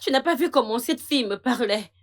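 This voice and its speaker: An angry young woman with a high voice who shouts and begs in turn. She sounds at the end of her rope. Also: expressive, fairly quick. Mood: pleading. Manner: shouting, pleading. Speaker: dubbing actress. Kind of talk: dubbed film drama.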